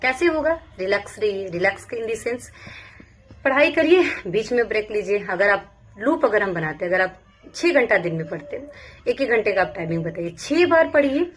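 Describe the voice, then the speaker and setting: A woman's voice: mid-range voice, animated, moderate pace. A young woman from Bihar, a police sub-inspector, giving casual, earnest study advice to exam aspirants and repeating her points as she goes. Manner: earnest, repetitive, speaks in first-person plural.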